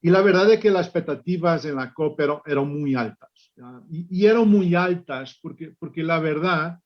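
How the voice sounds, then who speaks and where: Male conference speaker, native Portuguese, accented Spanish blended with Portuguese, fairly high voice, halting repetitions, slightly dull audio. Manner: mixes Spanish with Portuguese words and grammar; halting, repeats words while searching for phrasing. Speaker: conference speaker, business executive. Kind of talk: unscripted conference presentation.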